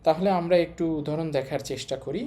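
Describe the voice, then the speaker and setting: Teacher for a video lesson, mid-pitched, methodical, repeats each point. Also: fast talker, warm tone. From Bangladesh. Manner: explains step by step, repeats key points, asks and answers own questions. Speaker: language teacher.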